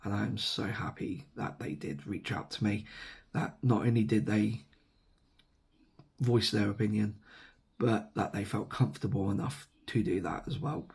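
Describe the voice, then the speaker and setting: Speaking at a normal speed in a darkish, low-leaning voice, a man with an English accent chats loosely to camera. A sore throat has left him hoarse and losing his voice, and he fills his vlog with ums and corrections, picked up by the camera mic as he sits there.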